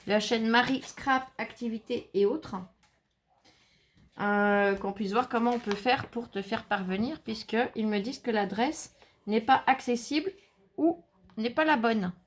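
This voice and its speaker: A woman's voice: fairly high pitch, measured pace. A woman hosting a casual crafting tutorial, chatting to viewers with many fillers and asides while she works. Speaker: craft channel host.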